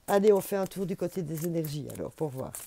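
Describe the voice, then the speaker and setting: Belgian woman, low warm voice, chatty card reader who repeats herself to urge the viewer on. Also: slight background noise. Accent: Belgian French. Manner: chatty, encouraging, repeats for emphasis. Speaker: intuitive oracle card reader. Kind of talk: casual spiritual card reading to camera.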